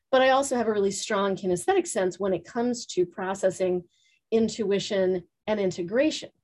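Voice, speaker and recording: Lady teaching a room full of people, fast and animated, asks the group stuff. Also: mid-range voice. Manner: animated and quick-talking, asks the room questions. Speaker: workshop teacher.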